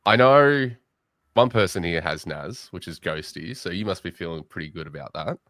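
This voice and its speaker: A man's voice: sits low, moderate pace, dry recording, clean studio sound. A young Australian man hosting a casual late-night fantasy football chat, joking and bantering with his guests. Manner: joking, banter-heavy, excitable. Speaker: podcast host.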